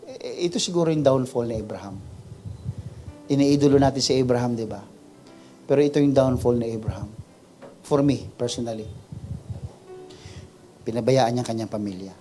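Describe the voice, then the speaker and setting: A man preaching an emotional sermon in a church, building from quiet reflection to loud, drawn-out cries. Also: mid-range voice, soft background music. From Philippines. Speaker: pastor. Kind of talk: impassioned sermon mixing Tagalog and English. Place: church service before a congregation.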